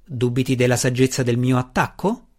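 Man reading a smug dark elf matron, chill and amused, kinda laughing at everyone. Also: medium pitch, moderate pace, natural voice. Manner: amused and relaxed, half laughing. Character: mocking dark elf matron woman, unbothered. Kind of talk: audiobook reading.

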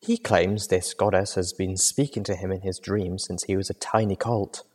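A man voicing a refined young mare who is a singer and medic, speaking softly and in a measured way in an audiobook. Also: deep voice, steady tone, breathy edge. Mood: calm.

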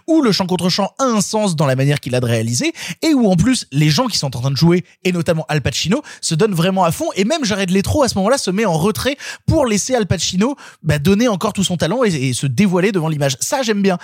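A man critiquing a film in casual conversation, animated and exasperated. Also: high-pitched, no room sound, clean studio sound. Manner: animated, exasperated, quick-talking. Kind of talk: casual film review chat.

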